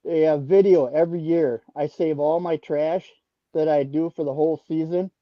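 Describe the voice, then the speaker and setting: A man's voice: on the high side, fairly even intonation, moderate pace, dry recording. An older man from Wisconsin calling in over the phone to a talk stream, speaking in an earnest, plain-spoken way as a detecting club founder. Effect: heard over the phone. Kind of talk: casual call-in chat. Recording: dull dry phone audio.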